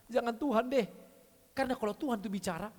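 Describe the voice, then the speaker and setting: A male preacher, giving a blunt, scolding sermon with sudden loud calls. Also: extremely high pitch, quick pace. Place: church hall. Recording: long church hall reverb.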